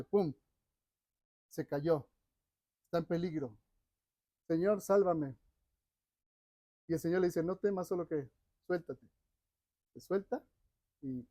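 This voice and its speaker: A preacher with a high, dark-toned voice delivers a sermon with dramatic swings between loud urging and near-hushed lines. The sound is dry and close, with no room echo. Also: male voice.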